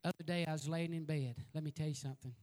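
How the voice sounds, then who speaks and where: A man preaching a sermon as an evangelist, telling a folksy story and building to loud exhortation. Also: on the high side, fairly even intonation, fast talker.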